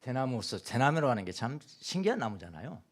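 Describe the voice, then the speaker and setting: A man delivers a Sunday sermon from a church pulpit, his pitch rising and falling widely. He shifts from loud, exclamatory bursts to quiet murmurs, repeats phrases for emphasis, and slips in humorous asides. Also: fairly quick. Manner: animated, swings from loud exclamations to soft murmurs. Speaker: pastor. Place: church sanctuary.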